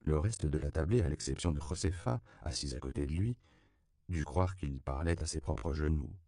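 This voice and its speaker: A man reading a novel aloud as an audiobook narrator, measured and even, on a close studio mic. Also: very deep voice, no echo. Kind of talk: scripted narration.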